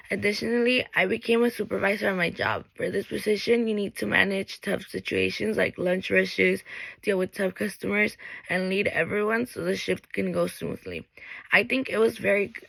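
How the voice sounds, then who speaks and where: Reading her graduation speech from a script, a graduating high school student in her late teens from Mexico sounds earnest, with a few small restarts. Her voice is bright, creaky and medium-pitched, and the poor-quality recording has no room sound.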